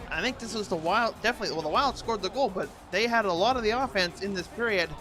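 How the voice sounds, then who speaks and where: A man's voice: high-pitched, quick pace, music in the background. A man doing amateur hockey play-by-play commentary for a video game in short clipped phrases, in the style of a sports announcer.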